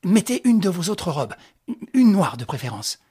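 A composed young gentleman, as voiced by an audiobook reader gives short, firm orders. His tone is steady and in control. The voice is husky. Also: medium pitch, moderate pace, pitched above the performer's own voice. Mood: commanding. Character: young gentleman, calm and commanding.

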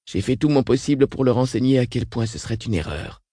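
A man reading the part of a frail, weakened old woman who speaks flatly and stays unshaken. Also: medium pitch, quick pace, dry recording, studio quality, lightly acted. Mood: grim. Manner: flat, unshaken. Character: frail elderly sister, weakened and coughing.

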